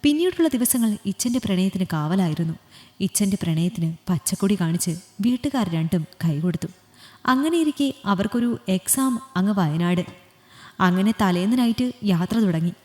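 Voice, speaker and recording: A woman storyteller reading an emotional story in a soft, measured way. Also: mid-range voice, expressive. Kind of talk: scripted audiobook narration. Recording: long hall reverb.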